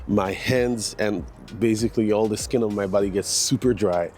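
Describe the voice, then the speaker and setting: Soft background music plays as a man with a lowish, slightly mellow voice speaks at a normal pace. He is a Hungarian fitness vlogger in his 40s, casually talking his way through a morning park walk with frequent fillers and restarts.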